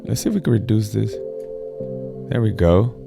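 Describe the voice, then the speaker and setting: A man's voice: on the low side, normal speed, gravelly. A man producing a beat, talking casually and thinking aloud as he works. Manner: relaxed, thinking aloud while working. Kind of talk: casual tutorial narration. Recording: loud music playing under voice. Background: loud beat and sample music.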